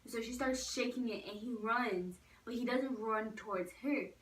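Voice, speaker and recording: A young woman with a bright, high-set voice tells a casual storytime for her vlog, chatty and full of acted-out quotes. She sounds a little distant from the mic. The room around her rings with echo. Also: normal speed. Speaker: vlogger.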